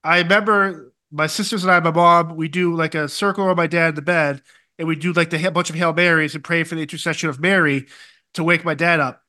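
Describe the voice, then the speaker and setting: A man's voice: a little high, steady tone, quick pace, pushed and bright. A man co-hosting a podcast, telling a personal story in casual, emphatic, colloquial speech. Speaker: podcast co-host.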